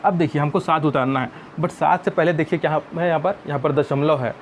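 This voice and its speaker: A man's voice: a little high, a little fast, a little hiss or hum. Patient Hindi math teacher, man. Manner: patient, often addressing viewers as friends. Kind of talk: step-by-step classroom explanation.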